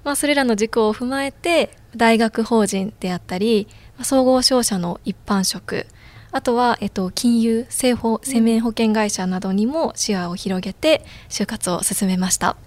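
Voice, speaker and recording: A woman in her twenties, a guest on a podcast interview, telling her story in a measured way with many small fillers. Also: on the high side, a little mellow. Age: 20s. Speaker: guest job seeker.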